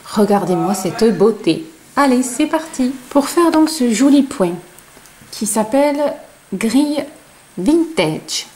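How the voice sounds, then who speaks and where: Slow-talking woman teaching crochet. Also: a little high, lively intonation, a little mellow, low-quality recording. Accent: non-native French. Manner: counts stitches aloud, chatty asides. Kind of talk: slow step-by-step tutorial.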